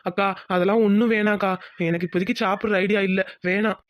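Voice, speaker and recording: A man's voice: high voice, fairly even intonation, fast, no echo, studio quality. Man voicing Tamil cartoon characters. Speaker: cartoon voice artist doing several male characters.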